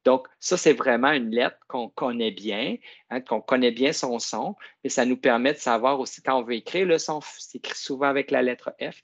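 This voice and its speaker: Gravelly man teaching phonics. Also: medium pitch, dull audio. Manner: coaxing, slow teacher voice stretching key words. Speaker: teacher trainer. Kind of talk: classroom reading demonstration.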